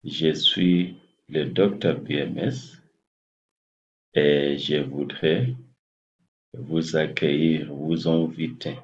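A native English-speaking man in his forties with a Kenyan accent hosts a health channel, addressing his laptop webcam casually from a desk in a small room. He talks slowly and haltingly, searching for words, his rumbling low voice keeping a fairly even intonation. The webcam audio is muffled and lo-fi.

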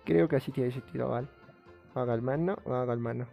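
A man streaming a game live, talking casually, rambling excitably and swearing often. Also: medium pitch, fast talker, creaky, lo-fi sound, soft background music.

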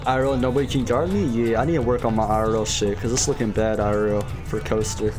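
A man's voice: medium pitch, fairly even intonation, quick pace. A man streaming a video game and chatting casually in a slangy, hyped gamer bro manner. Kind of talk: casual gaming livestream chat. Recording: music playing behind. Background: music.

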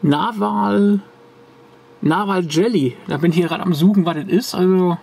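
This retro computer hobbyist has a high-pitched, husky voice with vocal fry and a darkish tone, speaking at normal speed. In a casual show-and-tell vlog at his home workbench, he shows a corroded circuit card to the camera and rambles with fillers and restarts.

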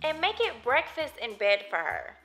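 A woman's voice: sits high, big pitch swings, moderate pace, bright, forceful tone, soft background music, heavily acted. An actress playing a cheerful, busy mother who speaks in a breezy, affectionate way. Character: cheerful busy mother checking in while away.

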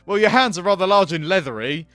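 A man's voice: sits high, expressive, fast, a bit bright, no room sound, soft background music. Snooty Booty, a man doing a haughty posh cat lady. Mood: condescending. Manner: prim, condescending, overly formal.

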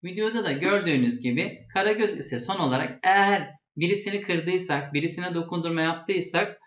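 Casting: male lesson presenter, high-pitched voice, didactic and plain, echoey room. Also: brisk, heavy background noise. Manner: didactic, restating terms plainly. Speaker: presenter explaining traditional theatre. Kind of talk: explanatory lesson. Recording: echoey, dull lo-fi sound.

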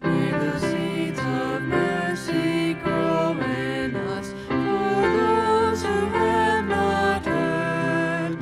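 A woman's voice: sits high, very animated, loud music behind the voice. A woman singing a worship hymn in church, holding long sustained phrases. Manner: slow, sustained sung phrases. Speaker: worship singer. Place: church sanctuary.

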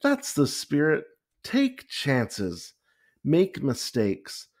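A man's voice: on the high side, wildly swooping pitch, very slow, exaggerated voice. A man voicing a cheerful, adventurous woman teacher in an upbeat, encouraging storybook read-aloud.

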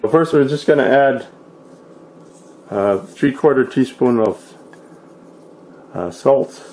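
A man's voice: mid-range voice, a little mellow, a little hiss or hum. Easygoing man chatting through a food vlog. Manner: easygoing, frequent "uh" pauses while explaining. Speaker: food vlogger. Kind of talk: casual vlog and cooking demo.

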